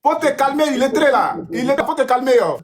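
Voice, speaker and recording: Man, TikTok debater, lecturing and insistent, very animated intonation. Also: very high-pitched, brisk, crowd noise. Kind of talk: heated live-stream argument.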